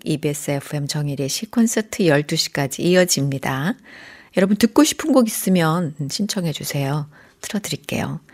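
A woman hosting a radio program, gently talking and reading out listener messages from a studio microphone. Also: deep voice. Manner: gentle, reads listener texts aloud.

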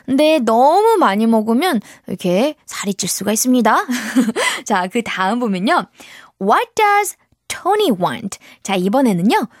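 A woman teaching English to children, encouraging and modeling pronunciation slowly word by word. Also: a little high, sing-song, dry recording, studio quality.

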